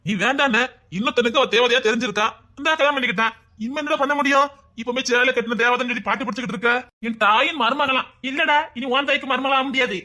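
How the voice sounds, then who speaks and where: A man's voice: extremely high pitch, fast, pushed and bright, exaggerated voice. An actor with a Tirunelveli Tamil accent playing a jilted young man who whines and stubbornly refuses to accept his loss in a comedy sketch. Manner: whiny, defensive. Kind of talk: comic sketch banter.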